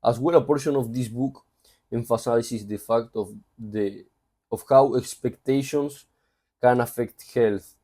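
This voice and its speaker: Speaking unhurriedly in a warm, mid-range voice, a book reviewer from Spain talks casually through a book's summary. His Spanish accent comes through as he wanders into frequent asides.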